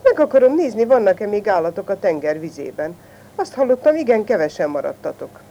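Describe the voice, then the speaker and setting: A sly storybook fox, voiced by a woman, stubborn and sure of himself even when lost. The voice is mellow yet swings widely in pitch. Faint hiss underneath. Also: highs cut off. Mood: cocky. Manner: cocky and self-assured.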